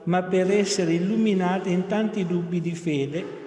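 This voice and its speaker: A man's voice: sits high, steady tone, moderate pace, dark tone, a little hiss or hum, lightly acted. A man voicing a young woman student troubled by doubts of faith, speaking earnestly, in an echoey hall. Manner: earnest, pleading. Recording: echoey hall, long reverb.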